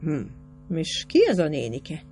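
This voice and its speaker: A clever young man who needles and coaxes with mock-innocent questions, as a woman reader puts him on. He speaks in a fairly low register for a woman, with a lively, prodding delivery. It is a storybook voice over a faint hiss. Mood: probing. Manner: probing and mocking. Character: teasing, curious young male senator.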